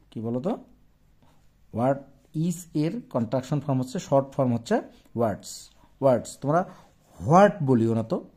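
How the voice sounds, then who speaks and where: A man's voice: mid-range voice, warm tone. A man teaching a children's English lesson, explaining patiently and repeating and spelling out each word. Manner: slow, patient, repeats words and spells them out; mixes Bengali explanation with English phrases. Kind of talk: classroom lesson explaining a textbook page.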